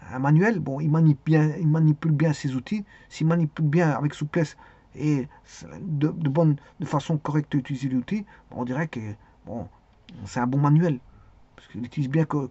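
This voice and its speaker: A man giving a spoken lesson on speaking skills, hesitant, with many pauses and repeated words. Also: mid-range voice, a little mellow, husky, dry recording. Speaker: teacher. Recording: dull lo-fi sound.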